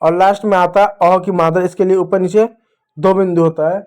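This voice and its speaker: A man's voice: sits high, flat delivery, a little fast, a little mellow. A man teaching young children to read, patiently repeating each sound and answering his own questions. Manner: addresses the viewers as dear children. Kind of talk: children's reading lesson.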